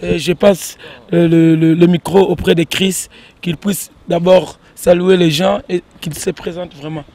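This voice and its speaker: A man's voice: high-pitched, flat delivery, a little slow, a little mellow, no room sound. A man introducing rugby players one by one in a casual, hesitant way, with many fillers and restarts. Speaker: team spokesman introducing players.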